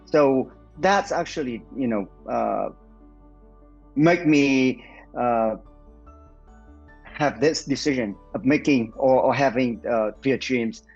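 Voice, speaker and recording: Halting Vietnamese-accented man, muffled. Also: medium pitch, darkish tone, husky, faint music behind. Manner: hesitant, many fillers and restarts. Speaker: nonprofit founder, guest. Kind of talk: interview answers.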